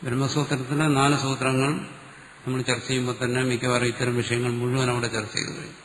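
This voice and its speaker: A man's voice: mid-range voice, level tone, fairly quick, a bit bright, a little hiss or hum. A man giving a spiritual discourse to a class as a swami, wry and teasing, repeating key words for emphasis. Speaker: swami teaching scripture. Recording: roomy hall echo with faint ambience.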